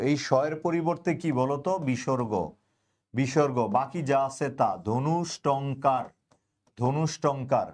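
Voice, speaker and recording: A man's voice: mid-range voice, a little mellow. A young man teaching an online grammar class for an admission coaching, who keeps drilling his students by asking a question and then answering it himself.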